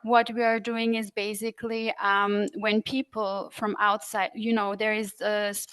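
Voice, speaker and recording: A young woman from Austria, a guest on a podcast, telling her story in a steady, measured way with some fillers. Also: medium pitch, clean tone, no room sound. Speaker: podcast guest, integration consultant. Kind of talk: conversational interview.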